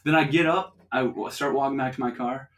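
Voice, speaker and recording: A young man in a relaxed podcast chat tells a long, swearing-filled story with lots of laughter. His voice sits at an ordinary middle pitch, loose and informal. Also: fairly quick. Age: young adult. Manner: profane, animated storyteller who laughs often. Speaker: podcast host.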